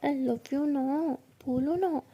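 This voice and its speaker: A woman's voice: high-pitched, fairly even intonation, normal speed, slightly rough, lo-fi sound. A woman voicing an affectionate young woman who sweet-talks and pleads with her upset girlfriend in a told love story. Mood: coaxing.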